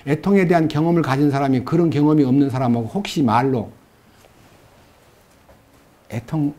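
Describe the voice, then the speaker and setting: A man's voice: medium pitch, quick pace, warm tone. A man preaching a church sermon. He reads long scripture passages aloud and puts questions straight to the congregation. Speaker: pastor.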